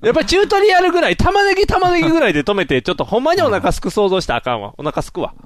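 High, animated Kansai man chatting. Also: no echo. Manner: chatty, playful, quick back-and-forth reactions. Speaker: podcast co-host. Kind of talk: casual chat.

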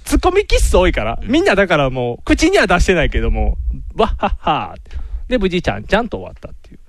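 A man's voice: high voice, dry recording, studio quality. A man with a Kansai accent hosting a podcast, telling a funny story in a casual, jokey chat. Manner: animated, quick, jokey storyteller. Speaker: podcast host.

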